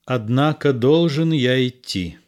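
A proud poet-soldier sunk in despair, as a male reader plays him, speaking low and hushed. His lines come slowly and solemnly, in the measured way of a dramatic play reading. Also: smooth, natural voice.

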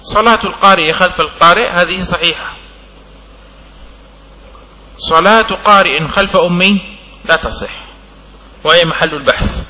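Man, lesson teacher, bright tense voice, slow word-by-word phrasing, asks short check questions. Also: high-pitched, long reverb tail, slight background noise, rough recording. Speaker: sheikh teaching a fiqh text. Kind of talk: classroom lesson explaining a legal text.

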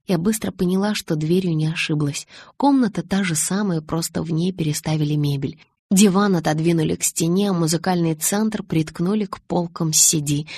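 A woman narrating a novel in the first person, as a steady, scripted audiobook reading. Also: low voice, breathy edge, no echo.

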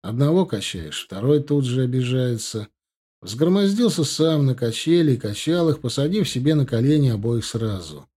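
A male narrator reads a first-person audiobook in a reflective, conversational way. His voice is dark and husky, with lively intonation that rises and falls. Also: mid-range voice, moderate pace.

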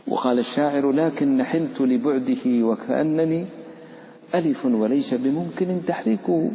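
A man's voice: on the high side, creaky, warm tone, slight background noise. A man, a sheikh teaching Quran recitation rules, explains the material conversationally to his students, quizzes them and gives the letters voices of their own. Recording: dull reverberant hall recording.

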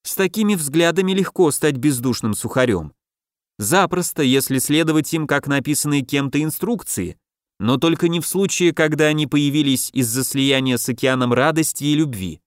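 Calm man narrating an audiobook. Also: a little high, moderate pace, dry recording, studio quality. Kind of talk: first-person audiobook narration.

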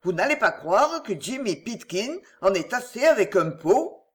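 A reader voicing a slow-witted old woman cook who grumbles under her breath, in an audiobook. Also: mid-range voice, big pitch swings, a bit bright. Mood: grumbling. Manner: grumbling, muttering.

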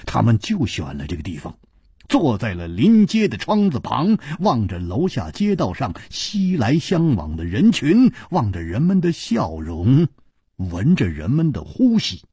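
A man narrating a long-form story broadcast with dramatic, drawn-out phrasing. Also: medium pitch, huge pitch swings, dark tone, slightly rough, dry recording, studio quality.

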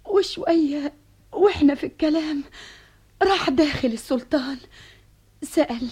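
A woman's voice: high-pitched, normal speed, darkish tone, lightly acted. An actress playing a fearful, tender queen mother with an Egyptian accent in a vintage radio drama, talking in a soothing, confiding way. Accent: Egyptian Arabic. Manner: soothing, confiding, sometimes whispering. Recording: dull old radio broadcast.

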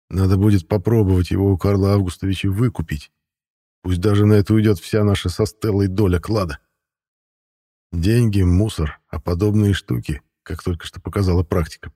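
Deep, husky male audiobook narrator. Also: fairly even intonation, normal speed, warm tone. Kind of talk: first-person audiobook narration.

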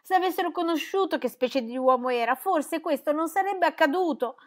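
A woman's voice: high-pitched, lively intonation, fairly quick. A woman reading aloud and voicing a desperate young woman, her speech urgent and close to tears. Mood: anguished. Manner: urgent, breaking, tearful. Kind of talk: audiobook reading.

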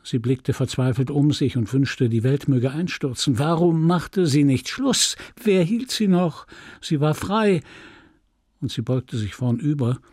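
A man reading a classic novel aloud as an audiobook, with dramatic, measured storytelling on a close studio mic. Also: a little high, animated, darkish tone, husky, no room sound. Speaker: audiobook reader. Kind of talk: literary audiobook narration.

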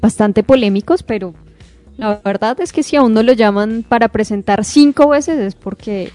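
A woman's voice: on the high side, moderate pace, dark tone, faint music behind. A female radio co-host in casual on-air chat, reading out dated anniversaries and agreeing readily.

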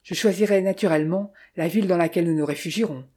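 A woman's voice: on the low side, fast, warm tone, breathy edge. A woman reading as an anxious young fiancée. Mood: eager. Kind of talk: audiobook dialogue reading.

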